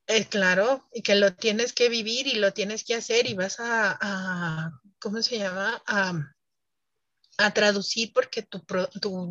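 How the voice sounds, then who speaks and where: A woman speaks as a French teacher in an interview, explaining with emphasis and laughing often. Her voice sits at an ordinary pitch. The recording is dry and dull, a little lo-fi. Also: a bit bright, no room sound. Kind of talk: interview conversation.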